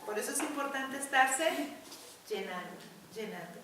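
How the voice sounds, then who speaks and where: A woman preaching, her voice high and bright. She speaks emphatically, repeating words and addressing the congregation directly. The sound rings through a large echoey church hall, picked up from well away from the mic. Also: lively intonation, moderate pace, recorded from a distance, slight background noise. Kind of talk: sermon.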